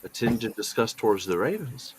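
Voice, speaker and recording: A man's voice: lowish voice, sing-song, fairly quick, a crowd in the background. A man playing a tabletop role-playing game, moving between narration and theatrical in-character speech.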